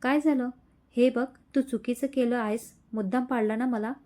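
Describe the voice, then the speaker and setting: A vengeful young woman rival from a storybook audio drama, acted by a woman narrator. She accuses and threatens in a raised, high voice with a mellow edge. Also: steady tone, moderate pace, natural voice. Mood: angry.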